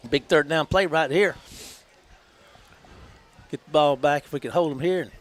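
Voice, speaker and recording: A man's voice: a little high, normal speed. Folksy radio play-by-play man. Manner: folksy, chatty, laughs easily. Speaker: play-by-play announcer. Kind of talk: local radio football commentary.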